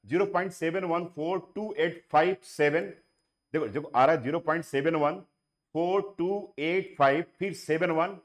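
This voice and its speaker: This classroom maths lecture, delivered in a mix of Hindi and English to students present and watching online, comes from a man whose fairly high voice is very animated in pitch. He keeps questioning the class and going back over points.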